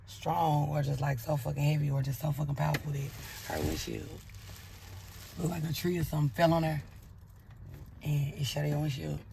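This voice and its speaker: A woman's voice: low-pitched, gravelly, mellow, a little hiss or hum. A woman telling a personal story in a blunt, profane way, acting out her own angry outbursts as she goes.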